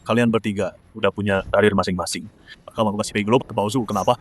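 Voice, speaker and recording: A man voicing a gentle, protective adoptive father who speaks calmly and patiently. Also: lowish voice, fast, lightly acted. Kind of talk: dubbed drama acting.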